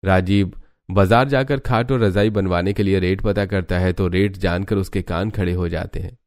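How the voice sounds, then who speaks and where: A man narrating a cartoon moral story in a steady, matter-of-fact way. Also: deep voice, moderate pace, dry recording, studio quality.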